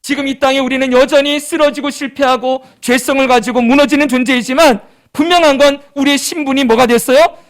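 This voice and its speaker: A man with a very high-pitched voice delivers a sermon from the pulpit. He presses his points with rhetorical questions and has the congregation repeat lines after him. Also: steady tone, a little fast, hardly any pauses. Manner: emphatic preaching with rhetorical questions and call-and-response. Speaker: pastor.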